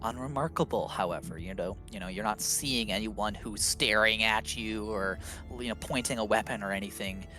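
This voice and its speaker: Low-voiced man running a tabletop game. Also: moderate pace, hardly any pauses, faint music behind. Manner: relaxed, hedging with fillers. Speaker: game master.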